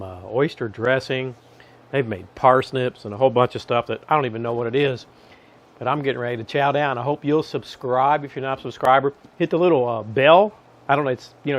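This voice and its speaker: A man in a relaxed, chatty style, talking straight to his viewers from outdoors beside a grill. His voice sits in an ordinary middle pitch, and he speaks loosely and informally as he works and tastes. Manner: relaxed, chatty, talks to viewers while tasting. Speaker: cooking channel host. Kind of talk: casual cooking vlog narration.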